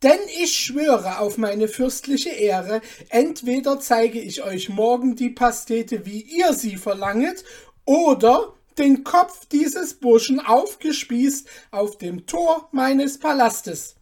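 A woman's voice: on the high side, steady tone, takes it slowly, mellow, pitched above the performer's own voice. A woman voicing a wrathful, pompous duke in a storybook reading, bellowing and threatening. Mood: furious. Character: wrathful, pompous old duke, ruler of a court.

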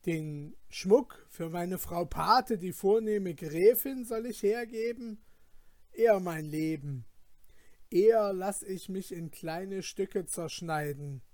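A man's voice: sits high, warm tone, no room sound, studio quality, voice pushed up. A man voicing an anxious young male goldsmith apprentice, fearful and pleading in a read-aloud fairy tale.

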